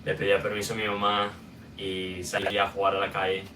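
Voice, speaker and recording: A young man from Guatemala with a Guatemalan Spanish accent, hosting a podcast and telling his own life story in a casual, unhurried way with many filler sounds. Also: low-pitched, completely flat delivery, distant mic, background noise. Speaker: podcast host. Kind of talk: personal storytelling monologue.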